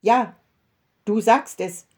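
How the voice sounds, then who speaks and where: A woman voicing Jesus in a children's Bible story, speaking calmly, clearly and steadily. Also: mid-range voice, normal speed, natural voice. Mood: steady. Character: calm, firm male Jesus.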